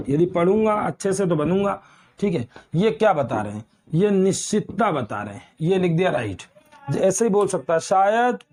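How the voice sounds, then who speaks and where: A man, teaching grammar in an online coaching class. He repeats each example slowly and speaks to the students as children. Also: on the high side, darkish tone, breathy edge. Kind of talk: online exam-prep lecture.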